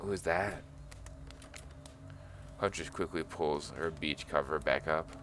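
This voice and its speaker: A man's voice: extremely low pitch, takes it slowly, music in the background. A young man reading a dating game aloud, joking and doing voices as he plays. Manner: jokey, reads dialogue in voices. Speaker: gaming YouTuber.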